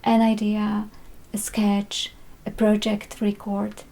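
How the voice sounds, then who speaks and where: Reflecting on her artistic practice, a visual artist from Poland, Polish by first language, speaks in a monotone, gravelly, mellow mid-range voice. Her manner is measured, marked by frequent hesitations.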